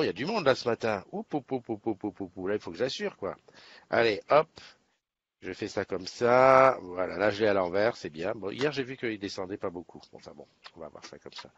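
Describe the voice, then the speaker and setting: A man's voice: mid-range voice, animated, a little fast, husky, dry recording, muffled recording. A man hosting a casual morning live stream, chatty and upbeat, greeting viewers one by one by name. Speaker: livestream host. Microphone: webcam setup.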